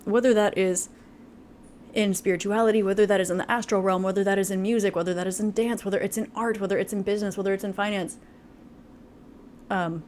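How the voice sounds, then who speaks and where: A woman's voice: mid-range voice, slight background noise. A woman giving a casual tarot reading to camera, chatty and full of fillers, laughing often. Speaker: tarot reader.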